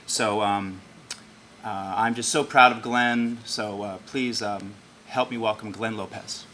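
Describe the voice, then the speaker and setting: A choir teacher giving a halting award introduction for a student, with many ums and restarts. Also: male voice, lowish voice, steady tone, very noisy.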